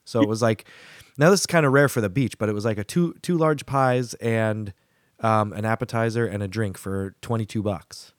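A man hosting a podcast in casual chat, joking and laughing often, with a deeper voice than usual, into a studio microphone at home. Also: normal speed, no echo. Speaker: podcast host.

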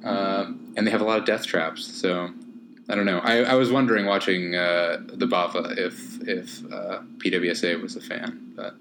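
A man's voice: low voice, steady tone, normal speed, noisy background. A man co-hosting a podcast in casual chat, rambling with fillers and restarts. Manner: rambling, frequent fillers and restarts, laughs often. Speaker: podcast co-host.

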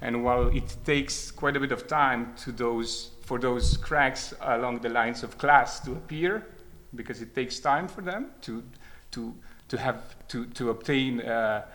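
A man's voice: medium pitch, a little slow, a bit bright. Hesitant thoughtful man. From Croatia. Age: 30s. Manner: hesitant, restarts and repeats words while thinking. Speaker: speaker sharing personal experience. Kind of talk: reflective spoken testimony.

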